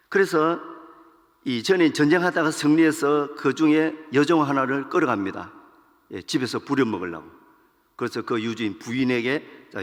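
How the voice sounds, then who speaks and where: A male pastor preaching in an animated, storytelling way and acting out the characters' lines. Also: medium pitch, big-room sound. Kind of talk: storytelling sermon.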